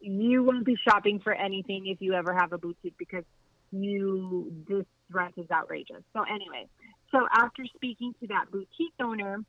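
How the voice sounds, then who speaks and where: A woman's voice: medium pitch, moderate pace, no echo. Chatty woman on a dull, lo-fi recording. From Laredo, Texas. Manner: rambling, chatty, full of "like" and acted-out quotes. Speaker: podcast guest, boutique owner. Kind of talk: casual interview storytelling.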